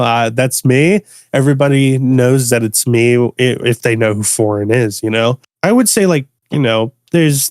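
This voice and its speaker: Young man, relaxed podcast guest, loose and chuckling, dry close sound. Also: mid-range voice, dry recording. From United States. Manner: laid-back, laughs often, repeats words. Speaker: guest bass music producer. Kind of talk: casual podcast conversation.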